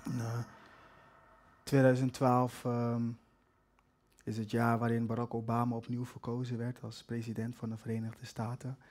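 A man's voice: medium pitch, monotone, moderate pace, a little mellow. Hesitant young man telling a story. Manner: hesitant, reflective, wry. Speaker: spoken-word performer. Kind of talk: personal storytelling on stage. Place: live stage with an audience.

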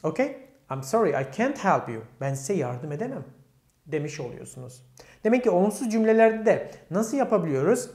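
A man's voice: high voice, very animated, normal speed, a little mellow. A man teaching English grammar to Turkish speakers. He poses questions to his students and answers them himself, and he says the English examples with a Turkish accent. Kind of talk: explaining grammar step by step. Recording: echoey room.

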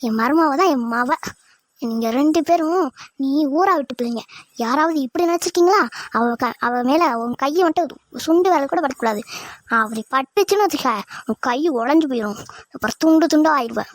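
A woman's voice: sits high, moderate pace, natural voice. A woman voicing a fond, scolding middle-aged mother-in-law in a cartoon, with a Tirunelveli Tamil accent. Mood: emphatic. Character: doting middle-aged mother-in-law, bossy with her son. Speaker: cartoon character.

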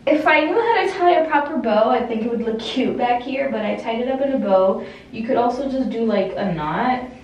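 A woman's voice: on the high side, a little fast, distant mic, lo-fi sound. A young adult woman giving an informal, rambling vlog update, recorded in a small echoing bathroom. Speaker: vlogger. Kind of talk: casual chatty vlog update. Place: small closed bathroom, indoors. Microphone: camera a short distance away. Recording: echoey bathroom, some background noise.

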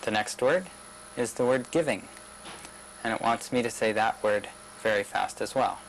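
Low gravelly man narrating a demo. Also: normal speed, a little hiss or hum, low-quality recording. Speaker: researcher demonstrating a system. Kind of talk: scripted narration of a demo video.

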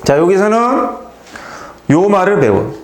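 A man's voice: high-pitched, lively intonation, unhurried, background noise. A man teaching an English grammar lesson in a small academy classroom, explaining step by step and quizzing his students with questions.

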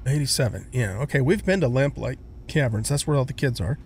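A man narrates his video game in a casual, rambling way, musing aloud as he plays. His voice sits at a middling pitch, with faint noise and clicks behind it. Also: animated, a little fast, a little mellow. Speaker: gamer narrating a let's play. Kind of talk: casual gameplay commentary.

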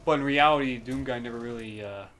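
A man with a bright, middle-pitched voice comments on the game he is playing. His delivery is casual, slangy and playful. Some background noise and game ambience sit behind him. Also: fast talker. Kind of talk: casual gameplay banter.

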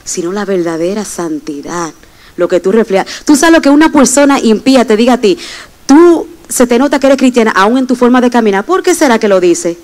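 A woman's voice: on the high side, lively intonation, a little fast, a little mellow, low-quality recording. A young adult woman preaching a sermon and giving personal testimony, speaking emphatically and addressing the congregation directly.

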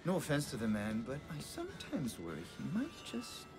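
A man's voice: fairly high pitch, huge pitch swings, fairly quick. An actor playing a worried, hesitant male asylum inmate who talks in a confiding way. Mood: uneasy. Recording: distant voice under game music.

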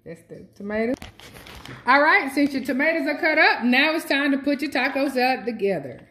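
A woman's voice: high voice, expressive, brisk, sharp tone. Chatty woman cooking at home. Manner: chatty, talks to viewers while cooking one-handed. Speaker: cooking vlogger. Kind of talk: casual cooking chat. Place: home kitchen, indoors. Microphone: phone camera held in one hand. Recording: noisy home kitchen, pan sizzling.

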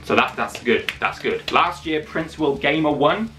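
A man in his thirties hosting a video, making an enthusiastic announcement to camera with energetic, hammy emphasis and drawn-out phrases. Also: on the high side. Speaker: YouTube wrestling channel host. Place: small indoor room with posters. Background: music.

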